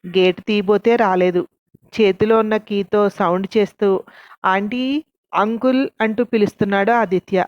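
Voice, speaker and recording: A woman's voice: mid-range voice, fairly even intonation, normal speed, a little mellow, no echo. A woman narrating a story and reading the characters' lines herself with light voicing. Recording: dull, dry lo-fi sound.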